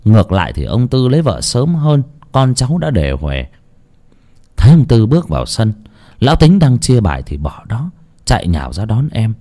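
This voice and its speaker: Male storyteller, ghost story narration, wildly swooping pitch, dark mellow tone. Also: wildly swooping pitch, moderate pace.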